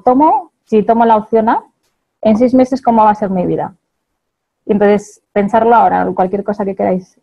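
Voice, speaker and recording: A woman's voice: medium pitch, lo-fi sound. A woman with a Spain Spanish accent giving a chatty motivational talk to an audience, laughing often and checking in with her listeners.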